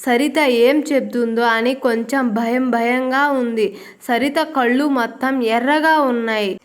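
A woman's voice: on the high side, fairly even intonation, normal speed. A woman reading a story aloud, naming each speaker before their line. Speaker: narrator.

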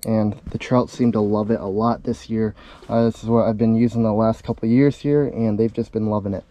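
A man's voice: fairly low pitch, fairly even intonation, a little fast, mellow. A young man hosting a fishing vlog, chatting casually as he shows lures and rigs his line inside a small ice fishing shelter, recorded on a camera mic. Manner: laid-back, chatty, talks while rigging gear. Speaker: fishing channel host. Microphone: camera mic, then head-mounted action camera.

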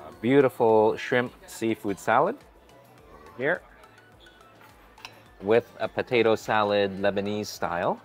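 Here the vlogger's voice sits lowish, and he takes his time, leaving long pauses. He's a man in his forties casually narrating his walk through a hotel buffet restaurant, upbeat and talkative, warmly greeting staff as faint music hums behind.

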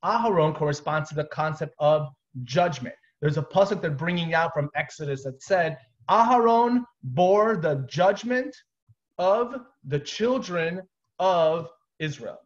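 A man's voice: a little high, expressive, unhurried. A man in his thirties teaching a live online Torah class, explaining step by step with casual asides. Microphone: webcam on a video call. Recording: dull lo-fi video call audio.

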